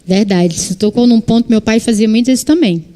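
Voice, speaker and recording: A woman's voice: on the high side, fairly quick. A woman in her thirties with a Brazilian Portuguese accent, preaching a church sermon and acting out quoted dialogue. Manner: animated, acts out quoted dialogue.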